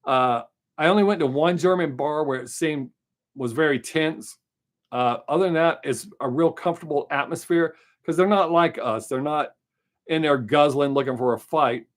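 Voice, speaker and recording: A middle-aged American with a Southern drawl and a voice on the high side hosts a laid-back stream at a moderate pace. He answers chat questions in a rambling, talkative, blunt way, with occasional profanity.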